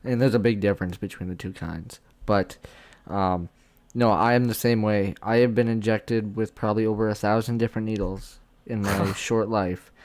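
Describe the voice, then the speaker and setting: A man's voice: on the low side, normal speed. Laid-back American man telling stories. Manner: animated storyteller, casual slang. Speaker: guest. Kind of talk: casual chat.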